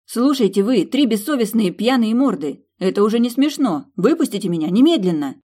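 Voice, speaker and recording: A woman's voice: mid-range voice, animated, fairly quick, slightly rough, voice pushed up. Woman voicing a furious locked-in young woman. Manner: shouting, indignant.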